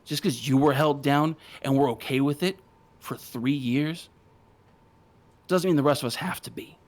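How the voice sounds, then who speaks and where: A man's voice: on the high side, normal speed. A man cutting a confrontational wrestling promo, taunting and swearing. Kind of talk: in-ring promo argument.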